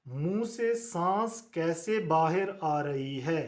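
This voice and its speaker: Slow, deliberate male linguistics teacher. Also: on the high side, lively intonation. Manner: slow, deliberate explaining with repeated examples. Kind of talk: phonetics lecture.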